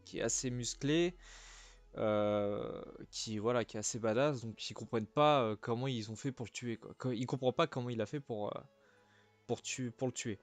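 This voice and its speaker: A mid-pitched man in a relaxed, informal film review. He stumbles through fillers and restarts and drops casual slang as he goes. Faint music plays softly behind him. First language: French. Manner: hesitant, many fillers and restarts.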